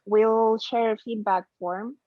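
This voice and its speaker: Woman host of an online meeting; slow, polite delivery over a dull, dry call line. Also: a little high, steady tone, no room sound. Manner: slow and polite, laughs often.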